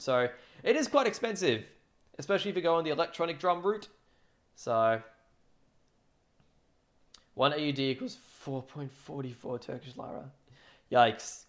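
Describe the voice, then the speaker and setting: A young man talks loosely to his stream audience in a mid-pitched voice. He wanders between topics, trails off into fillers and laughs easily. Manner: rambling, chatty, laughs often, trails off. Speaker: streamer drumming for charity. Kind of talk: casual livestream chat.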